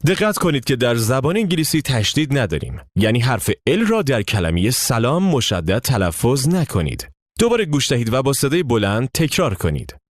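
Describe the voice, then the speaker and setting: A man's voice: medium pitch, very animated, no echo, studio quality. A man giving scripted lesson narration, explaining step by step and prompting listeners to repeat after him. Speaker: English teacher narrating the course.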